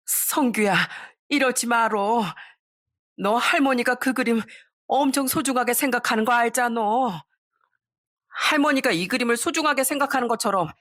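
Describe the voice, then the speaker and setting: A woman voicing a domineering older mother-in-law who yells and scolds in a raised, high voice. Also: normal speed. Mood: pleading. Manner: yelling, scolding.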